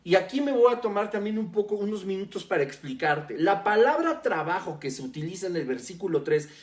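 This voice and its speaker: A man's voice: high-pitched, sing-song, brisk. A man preaching a sermon as a pastor, teaching earnestly and speaking straight to the listener. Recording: roomy echo.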